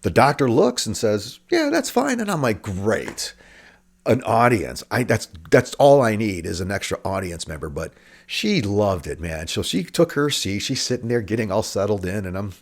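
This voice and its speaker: A man telling a comic personal story in a halting, hesitant way, often repeating words. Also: on the low side. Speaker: storyteller, former police officer. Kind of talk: comedic personal storytelling monologue.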